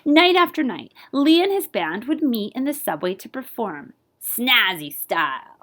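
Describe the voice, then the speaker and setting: A woman, cast as a librarian, reads a picture book to children a little slowly but with animated, playful energy, her pitch moving widely and scat-like sound words popping up. She often steps outside the story for asides to the listeners.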